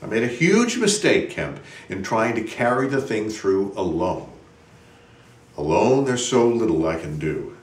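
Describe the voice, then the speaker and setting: A man performing a theatrical monologue as a desperate, exhausted scientist turned invisible, imperious and brooding, with dramatic pauses. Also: fairly low pitch, very animated. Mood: scheming, urgent. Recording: roomy, distant microphone.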